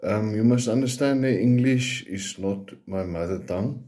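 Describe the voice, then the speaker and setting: A South African man, Afrikaans by first language, preaches informally and hesitantly in Afrikaans-accented English, frequently closing phrases with a questioning tag. His voice is fairly low and mellow, and he speaks at a normal speed.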